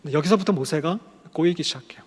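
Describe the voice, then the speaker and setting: A man's voice: fairly high pitch, quick pace, slightly rough. A man preaching a sermon as a pastor, earnest and full of questions to the congregation. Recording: long hall reverb.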